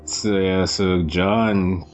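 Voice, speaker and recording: Really deep guy hosting, unscripted casual recap, faint music behind him. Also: steady tone, drawn-out words. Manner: natural, unscripted talk with asides. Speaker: podcast host. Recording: dull lo-fi sound, music behind.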